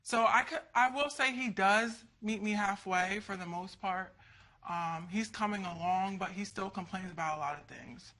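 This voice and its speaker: A woman with a bright, forceful voice speaks as a litigant in a TV court. She complains bluntly and conversationally, acting out bits of past arguments as she goes. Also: medium pitch, normal speed. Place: TV courtroom studio.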